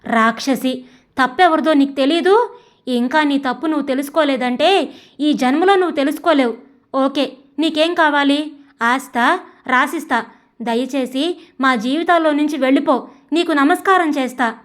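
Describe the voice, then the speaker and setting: A woman voicing an angry husband who pleads and shouts in defence of his timid wife in an audio story. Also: sits high, measured pace, pauses often. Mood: furious. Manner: pleading, heated. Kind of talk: audiobook character voice.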